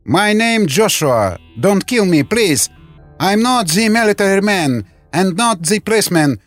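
Man playing a frightened foreign hunter, halting broken English, pleading, high-pitched, lively, audiobook. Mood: nervous, pleading. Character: scared foreign male hunter, middle-aged, broken English. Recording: dry studio with faint music.

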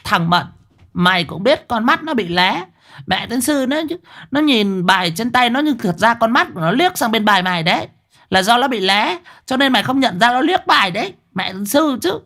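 A man doing a sharp-tongued gambling auntie. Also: very high-pitched, very animated, voice pushed up, full character voice. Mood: scolding. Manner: rapid scolding, sharp-tongued. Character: loud quarrelsome middle-aged woman gambler.

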